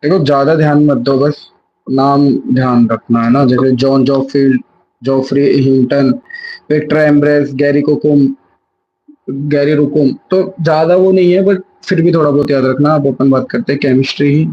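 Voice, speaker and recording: A man's voice: mid-range voice, fairly even intonation, normal speed, highs cut off, slight background noise. A young man giving a live revision lesson, chatty and self-correcting, mixing English words into his Hindi. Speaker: exam prep teacher.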